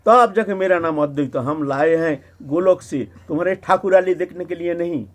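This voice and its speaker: A man, a spiritual teacher, giving a devotional discourse at an ashram, telling a story in an animated way and often asking the listeners short rhetorical questions. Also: a little high, normal speed. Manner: animated storytelling, acts out quoted speech, frequent rhetorical "हैं?".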